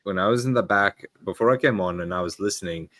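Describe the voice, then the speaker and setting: Lowish voiced guy, wry teasing, casual stream chat. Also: fast talker, fairly bright tone, no room sound, studio quality. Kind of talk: casual group stream banter.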